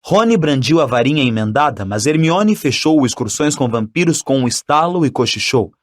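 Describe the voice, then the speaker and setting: A man narrating an audiobook in an expressive, dramatic reading style. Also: medium pitch, a little fast.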